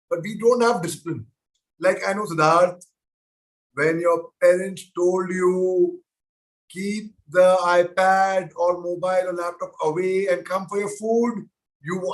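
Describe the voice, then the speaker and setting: High-voiced man teasing kids on a video call. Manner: playful, teasing, talks directly to the kids. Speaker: guest answering children's questions. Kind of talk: playful webinar Q&A with children.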